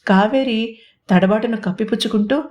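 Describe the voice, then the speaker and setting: A woman narrating a romantic audio story in an expressive storytelling manner. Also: a little high, normal speed, highs cut off.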